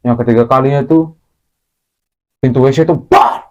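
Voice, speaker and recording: A man's voice: medium pitch, normal speed. A man telling a true horror story in casual talk, acting out screams and crashing sounds. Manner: animated, acts out screams and sounds. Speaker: guest storyteller. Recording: muffled audio with music underneath.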